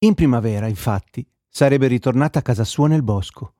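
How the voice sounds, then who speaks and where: A man's voice: medium pitch, a little fast, dry recording, clean studio sound. Man reading a children's story. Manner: gentle storytelling, shifting into character voices. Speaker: narrator.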